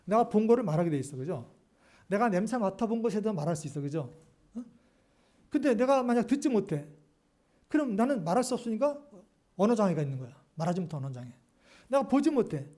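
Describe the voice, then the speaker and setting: Animated, fast-talking male pastor preaching. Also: sits high. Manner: animated, addresses congregation directly, frequent rhetorical questions. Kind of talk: sermon.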